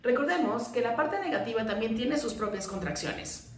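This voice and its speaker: A woman teaching English grammar in Spanish with a Peruvian accent, drilling each contraction slowly and deliberately. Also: a little high, animated. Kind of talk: bilingual grammar lesson. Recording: echoey room with loud background noise.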